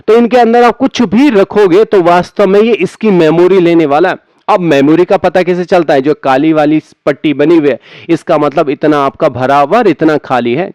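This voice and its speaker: A man's voice: high voice, darkish tone, no room sound. A man teaching a computer lesson to students, talking casually and asking and answering his own questions. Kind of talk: screen-recorded computer lesson.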